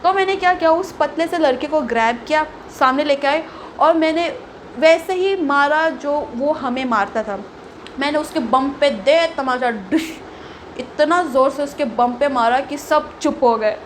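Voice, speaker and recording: A young woman casually telling a storytime vlog story, animated and slipping English phrases into her talk. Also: high voice, measured pace, slight background noise. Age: young adult. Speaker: vlogger.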